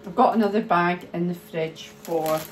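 A middle-aged woman, chatting slowly and thinking aloud as she preps food in her home kitchen. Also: lowish voice. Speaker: cooking vlogger. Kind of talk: casual cooking chat. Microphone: phone camera held nearby. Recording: noisy home kitchen ambience.

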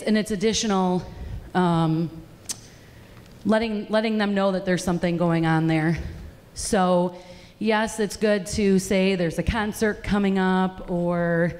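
A woman's voice: medium pitch, a little mellow. A woman, a school board member and parent, making an earnest comment at a public meeting. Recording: long hall reverb.

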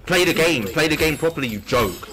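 A male streamer trash-talks his opponents live, taunting and insulting them with scornful, repeated questions while game music plays behind him. His voice is on the high side, animated and brisk.

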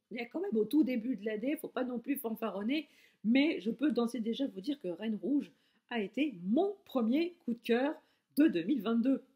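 A woman's voice: on the high side, mellow. A woman from France giving a casual, enthusiastic book review straight to her viewers.

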